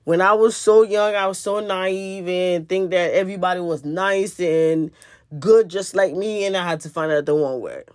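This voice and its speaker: A woman's voice: lowish voice, moderate pace, a little mellow, no echo, studio quality. A woman telling a personal spiritual testimony in an earnest, conversational way, repeating phrases for emphasis. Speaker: spiritual video host.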